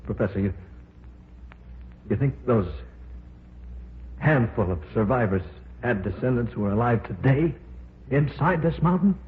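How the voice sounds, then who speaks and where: A man playing a nervous young man who also narrates the story in an old radio drama, anxious and excitable. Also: medium pitch, unhurried, pauses often, natural voice. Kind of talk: 1950s radio drama acting. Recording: tinny hissy old radio broadcast.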